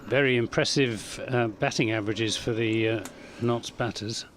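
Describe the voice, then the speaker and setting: A man's voice: mid-range voice, steady tone, moderate pace, a bit bright. Wry male cricket commentator, faint background noise. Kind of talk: analytical live cricket commentary.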